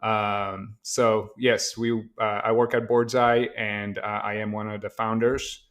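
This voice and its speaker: Flat-toned man, relaxed and hesitant. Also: fairly low pitch, a little slow. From Poland. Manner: relaxed, hesitant with many fillers. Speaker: guest, tech company founder. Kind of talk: casual interview conversation.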